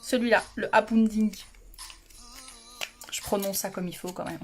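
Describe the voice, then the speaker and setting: A woman's voice: mid-range voice, steady tone, normal speed, darkish tone, a little hiss or hum. A woman doing a casual makeup livestream from home, chatty and self-mocking, giggling often and greeting viewers by name. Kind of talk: casual live makeup chat.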